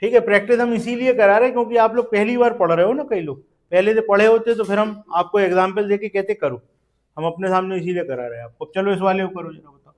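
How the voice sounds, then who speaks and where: A math teacher leads his class live, quickly walking the students through each step and questioning them to check their understanding while encouraging them on. He speaks fast in a high, slightly mellow voice.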